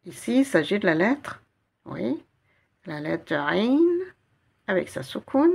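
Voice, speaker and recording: A woman patiently teaching Arabic reading, spelling out letters and repeating syllables slowly. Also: fairly low pitch, very animated, gravelly, darkish tone, slightly rough. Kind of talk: guided reading lesson.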